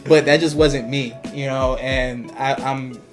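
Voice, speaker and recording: A man's voice: mid-range voice, a little slow. Young man, from New York, podcast co-host, laid-back motivational chat, music underneath. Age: young adult. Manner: relaxed, motivational, peppered with "you know".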